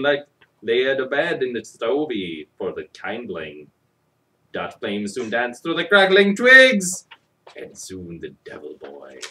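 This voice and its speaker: This man's mid-range voice is pushed and bright as he theatrically reads a storybook in mock-dramatic style, peppering it with sardonic, crude, profane ad-libs. He's far from the mic, and the recording is rough.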